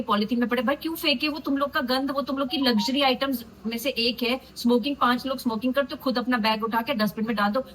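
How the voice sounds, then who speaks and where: A woman's voice: sits high, a bit bright, a little hiss or hum, low-quality recording. Woman with a sore throat, opinionated. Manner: opinionated, acts out quotes of contestants. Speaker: reality show reviewer. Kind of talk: casual vlog review, Hindi-English mix.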